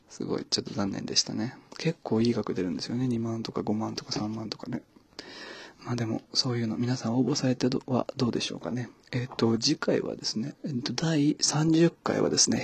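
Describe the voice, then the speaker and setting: Quiet mumbling man hosting a podcast. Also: mid-range voice, slightly rough, no room sound. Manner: quiet, mumbling, self-deprecating asides. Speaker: podcast host. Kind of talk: casual solo podcast chat.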